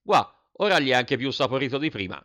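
A man voicing a crude young kitchen boy who talks slowly and roughly. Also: mid-range voice, big pitch swings, a bit bright, pitched above the performer's own voice.

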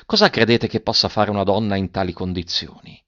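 A man's voice: lowish voice, steady tone, fairly quick, a bit bright, dry recording, close to an everyday voice. A man voicing a proud, ironic princess who speaks sardonically and imperiously in a storybook reading. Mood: sardonic. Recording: dull lo-fi audiobook recording.

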